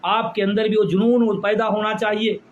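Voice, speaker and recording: A man's voice: sits high, level tone, normal speed, muffled recording, slight background noise. A man leading a pension movement, giving an impassioned rally speech full of repeated phrases for emphasis.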